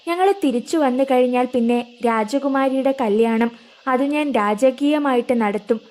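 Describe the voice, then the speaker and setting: മദ്യപിച്ച് വീമ്പു പറയുന്ന ഒരു അച്ഛനായി വായിക്കുന്ന ഒരു സ്ത്രീ. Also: female voice, high-pitched, normal speed, a little mellow, faint music behind, natural voice. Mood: boastful. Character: doting drunken father, middle-aged man.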